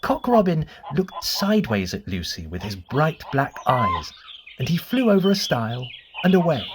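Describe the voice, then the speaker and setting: A woman with a bass voice tells a children's bedtime story in a very animated, expressive way. She is deliberate and dramatic, stretching out repeated words for effect, while noise fills the background.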